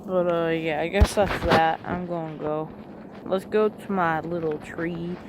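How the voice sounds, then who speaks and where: Very noisy audio captures a man with a fairly high pitch and fairly even intonation talking at an unhurried pace. A gender swap voice filter makes him sound like a woman as he hesitantly rambles, with lots of fillers, in a casual vlog from a tree in the woods.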